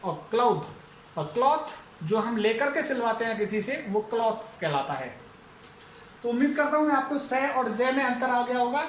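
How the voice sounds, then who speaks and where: A man with an Indian accent teaching a phonetics lesson, going slowly and repeating each example word several times. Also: very high voice, big pitch swings, echoey room, slight background noise, rough recording. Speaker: English teacher.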